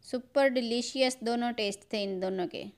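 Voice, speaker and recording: Speaking at a normal speed, this cooking channel host has a fairly high, smooth voice. The middle-aged woman guides viewers through a recipe in her home kitchen, offering homely instructions one step at a time in her tutorial narration.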